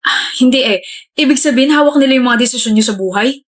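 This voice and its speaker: Casting: babae bilang mayabang at nanunuyang binata, medyo mataas ang boses. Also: female voice, sits high, fast. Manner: sneering, scoffing. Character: mocking young man who scorns girlfriends. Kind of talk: skit role-play.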